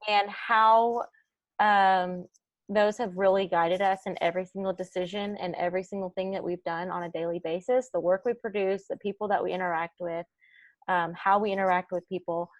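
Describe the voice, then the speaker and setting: A woman's voice: mid-range voice, fairly even intonation, moderate pace, no room sound. Upbeat woman guest thinking aloud. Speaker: podcast co-founder guest. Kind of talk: casual interview chat.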